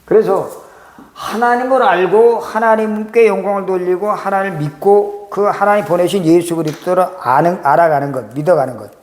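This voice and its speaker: A man's voice: high voice, normal speed. A man, a pastor, preaching a sermon and asking the congregation rhetorical questions. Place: church sanctuary. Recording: echoey church hall reverb.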